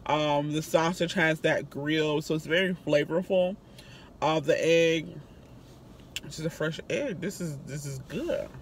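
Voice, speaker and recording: A woman's voice: low voice, measured pace, a little hiss or hum. A woman hosting a casual food review vlog, talking to her viewers in a chatty, conversational way. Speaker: food reviewer and channel host.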